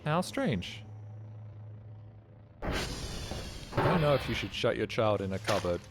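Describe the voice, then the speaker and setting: A man's voice: lowish voice, big pitch swings, takes it slowly, loud music behind the voice. Joking man streaming games. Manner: joking, sardonic, swears a lot, chats to viewers. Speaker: game streamer. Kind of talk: casual live-stream commentary. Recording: noisy stream recording.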